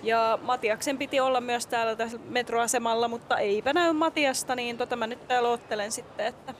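Woman, podcast co-host, high voice, playful chat, faint noise behind. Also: fairly even intonation. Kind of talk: casual comedic podcast chat and skit.

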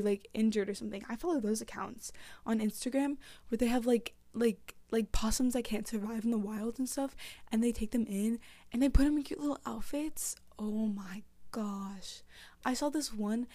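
Rambling teenage girl, mellow voice. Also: fairly high pitch. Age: teens. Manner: rambling, giggly, heavy use of "like". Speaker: book vlogger. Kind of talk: casual book chat.

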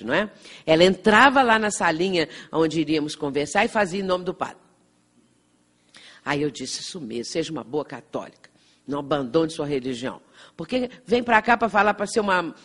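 A woman with a Brazilian Portuguese accent gives a lecture, earnest and explanatory. She keeps tagging her points with little checks to the listeners. Her voice rings with the long reverb of a hall. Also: lowish voice. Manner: earnest, explanatory, frequent "não é?" tags. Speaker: spiritist lecturer. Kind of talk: lecture with anecdotes.

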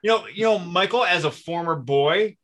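A man's voice: high voice, moderate pace, a bit bright. A man in his forties from Minnesota, a podcast guest telling his story in casual conversation, chatty and self-deprecating.

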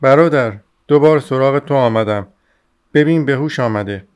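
A man's voice: medium pitch, clean tone, natural voice. A man voicing an eager, chatty young male student in an audiobook reading. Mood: eager chatter. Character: Razumikhin, lively talkative young male student.

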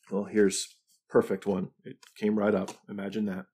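Middle-aged male livestream host, deep-ish and unhurried, reflective, full of ums and restarts. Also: a little mellow, breathy edge. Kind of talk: casual livestream talk.

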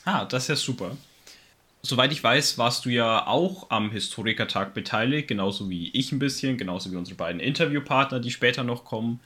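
A man's voice: medium pitch, a little fast, sharp tone. A young adult man hosting a podcast in casual conversation, asking questions and moderating. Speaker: podcast host.

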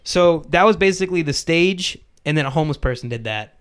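Smooth-voiced man rambling through a story. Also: on the high side, animated, brisk. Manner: rambling, fills talk with "like". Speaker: podcast host. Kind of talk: casual storytelling chat.

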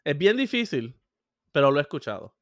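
A man's voice: on the high side, sing-song, brisk, no room sound. A young man with a Puerto Rican accent in a casual chat, mixing English words into his Spanish. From Puerto Rico.

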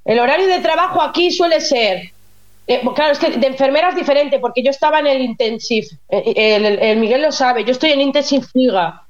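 A woman with a high, bright-pitched voice chats as a radio guest, explaining things with lively energy. She comes through a dull, lo-fi remote line that softens her. Her delivery is casual and talkative. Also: brisk. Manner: animated, chatty explaining. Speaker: guest, nurse living in Germany. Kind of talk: casual radio interview chat.

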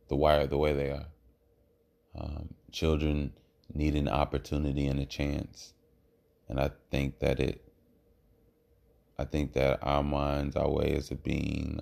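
Male, slow and monotone, for a reflective, halting solo ramble with a gravelly fry. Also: a bass voice. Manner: halting, reflective, trailing pauses. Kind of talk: rambling spoken monologue.

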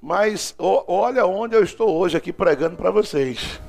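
Fervent male apostle, high-pitched, exhorting sermon delivery. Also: expressive, unhurried, gravelly, a little mellow. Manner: fervent, exhorting, acts out dialogue. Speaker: apostle preaching.

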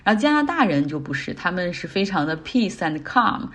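Middle-aged woman, podcast host; low, husky voice, easygoing chatty commentary. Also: sing-song, normal speed. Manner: chatty, explains English words in Chinese. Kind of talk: casual commentary.

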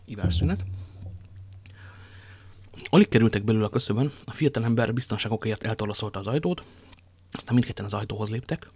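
Low-voiced man reading a novel aloud. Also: pauses often, a little mellow, breathy edge, no room sound. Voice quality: slips and restarts while reading. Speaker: narrator. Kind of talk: audiobook reading.

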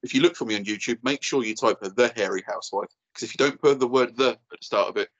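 A man's voice: medium pitch, fast, fairly bright tone, dull audio. A man in his thirties with an Essex accent, telling an anecdote in casual, blokey, slangy chat. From Essex, England. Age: 30s. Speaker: podcast guest and YouTuber.

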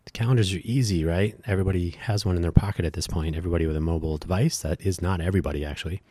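A man's voice: low-pitched, very fast, dark tone, breathy edge, dry recording. A man hosting a solo podcast, rambling and correcting himself with wry asides, his voice dulled by allergies. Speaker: podcast host.

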